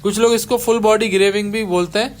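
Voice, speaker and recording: A man's voice: high-pitched, fairly even intonation, fast. A man teaching budgie breeding in a patient voice-over, repeating key terms and dropping casual asides to his viewers. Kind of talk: explanatory voice-over over bird footage.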